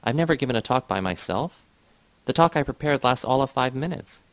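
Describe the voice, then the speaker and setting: A man's voice: mid-range voice, expressive, fairly quick, no room sound, pitched above the performer's own voice, lightly acted. A man reading a nervous, sheepish young man. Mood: anxious. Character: anxious, timid young man.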